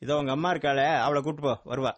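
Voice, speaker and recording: A man's voice: medium pitch, steady tone, fast talker, no echo, close to an everyday voice. A man playing a stern, busy businessman father.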